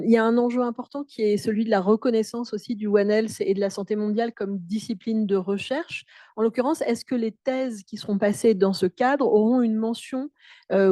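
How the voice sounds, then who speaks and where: A woman's voice: on the high side, dark tone, no room sound. A woman in the audience putting a polite, formal question at a conference.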